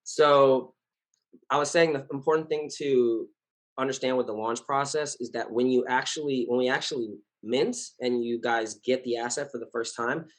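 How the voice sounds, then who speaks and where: Hoarse man giving a rambling update. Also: mid-range voice, steady tone, normal speed. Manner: rambling, full of fillers and self-corrections; earnest and reassuring. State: hoarse, losing his voice. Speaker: project founder addressing his community. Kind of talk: casual spoken update to followers.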